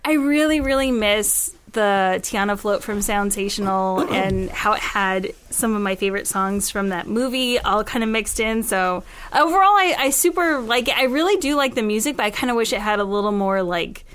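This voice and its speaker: A woman's voice: mid-range voice, moderate pace, hardly any pauses, fairly bright tone, clean tone. A woman podcast host chatting casually and conversationally. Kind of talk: casual chat.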